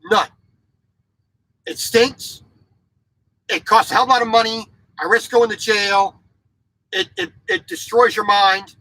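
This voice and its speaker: In a cramped sleeper cab, a trucker in his forties who grew up in Japan as a military kid delivers a casual vlog monologue. His high, pushed, bright voice is animated yet unhurried and creaky, with long pauses, on poor audio with no room sound. He's opinionated and blunt, often repeating himself and restarting.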